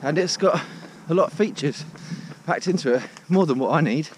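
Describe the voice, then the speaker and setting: A man's voice: on the high side, normal speed. British man vlogging while running, noisy outdoors. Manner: talking while running, in short broken phrases. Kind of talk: casual vlog monologue. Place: outdoors on a rural path. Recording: outdoor action-camera audio with clear ambient noise.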